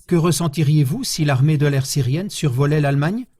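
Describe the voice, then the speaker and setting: A man delivering a public history lecture in a somewhat high voice. He talks in a measured, steady way and keeps turning to the audience with rhetorical questions. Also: husky.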